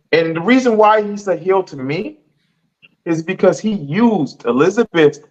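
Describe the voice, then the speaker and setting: A man on a podcast panel, chatting casually and often restarting his sentences with stammers. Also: high voice. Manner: stammering restarts, relaxed storytelling. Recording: dull lo-fi audio.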